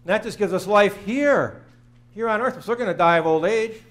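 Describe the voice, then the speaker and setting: High-pitched, brisk and a bit bright, this fifties-aged man delivers a sermon before the altar in a small church sanctuary. Earnest and plain in his speech, he repeats phrases to drive points home.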